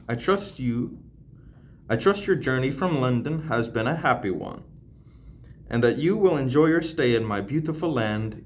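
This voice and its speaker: A man voicing the old vampire Count Dracula with a slow, low, put-on foreign accent while reading a novel aloud. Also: slight background noise.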